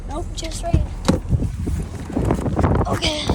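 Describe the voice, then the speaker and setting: A woman storm chaser giving casual, excited live commentary in an awed, exclamatory, slangy way. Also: high voice, very slow. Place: outdoors and in a vehicle during a storm. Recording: loud storm and vehicle noise, distant mic. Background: wind, rain and vehicle noise.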